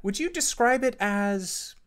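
A man's voice: sits high, lively intonation, a little slow, a bit bright, smooth, voice pushed up. A man voicing an exasperated male company boss, speaking with formal, pointed customer-service politeness. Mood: controlled exasperation.

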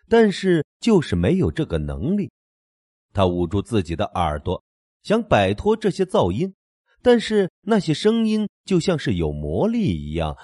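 Husky male horror storyteller. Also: on the low side, mellow, dry recording, clean studio sound. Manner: dramatic, swinging intonation.

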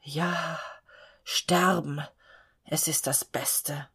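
A woman's voice: low voice, fairly even intonation, very slow, gravelly, a bit bright, husky, exaggerated voice. A woman voicing a tired, gloomy male cab driver in a spoken storybook. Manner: gloomy, groaning.

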